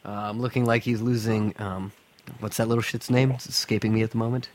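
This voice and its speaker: A man's voice: lowish voice, level tone, a little fast, dry recording. Blunt man podcasting from an attic, dry sound. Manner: blunt, profane, opinionated. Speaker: sports podcast host. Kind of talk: casual sports podcast chat. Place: attic of a house, recording in summer heat.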